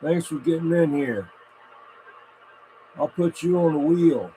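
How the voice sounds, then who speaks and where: Hosting a vintage radio show livestream, this man rambles folksily, greets viewers, and mutters to himself, sounding congested and repeatedly coughing and clearing his throat. He speaks slowly in a fairly high pitch with a dark tone. The recording is low quality, with clear background noise and the ambience of the room.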